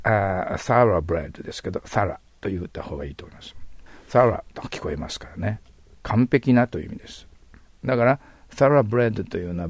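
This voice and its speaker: A man teaching English vocabulary and pronunciation, explaining patiently and repeating words, slowing down for the English examples. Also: lowish voice, gravelly, a little mellow, breathy edge, no echo.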